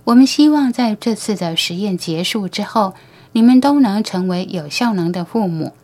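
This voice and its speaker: A woman reading the lines of a calm male alien teacher in an audiobook, patient and knowing as he talks to human parents. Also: medium pitch, moderate pace, close to an everyday voice. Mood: gentle, instructive.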